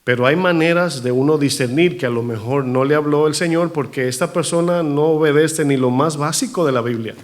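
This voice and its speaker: A man preaching a sermon in a church, animated, asking the congregation rhetorical questions. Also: fairly high pitch, brisk, few pauses. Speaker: pastor.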